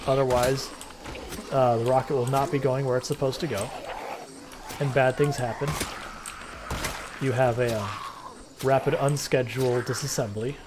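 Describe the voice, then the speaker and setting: A game streamer chats and cracks jokes in a rambling, conversational way while livestreaming a video game. His voice is medium-pitched and steady, at a normal speed with frequent pauses, and there's background noise.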